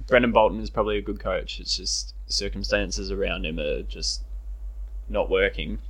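A man's voice: on the low side, rough recording. A young Australian man co-hosting a casual podcast chat, telling stories with mocking impressions. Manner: animated storytelling, mocking impressions. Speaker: podcast co-host.

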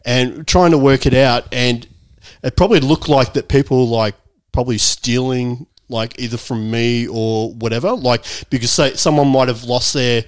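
Laid-back, slangy Australian bloke. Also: male voice, medium pitch, steady tone, moderate pace, smooth, dry recording. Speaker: podcast guest, comedian. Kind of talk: casual anecdotal podcast chat.

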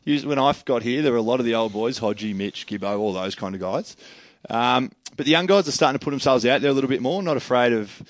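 A man's voice: mid-range voice, no room sound. A man hosting a casual podcast chat, joking and leading the questions. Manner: fast, joking, leads the questions. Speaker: podcast host.

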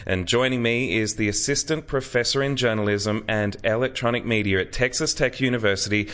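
A man's voice: mid-range voice, a little fast, a bit bright. A man hosting a podcast, giving polished, upbeat introductions and asking questions. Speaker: podcast host.

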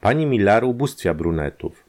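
A man voicing a smooth-talking male private detective, a conman who speaks in an ingratiating, persuasive way. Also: fairly low pitch, very animated, normal speed, darkish tone, pitched above the performer's own voice.

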